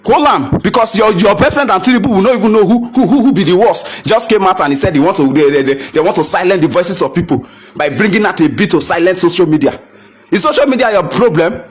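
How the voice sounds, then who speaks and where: A young Nigerian man, a photographer, rants heatedly to camera, blending English with Pidgin and firing off rhetorical questions. His voice sits high and husky, animated and quick.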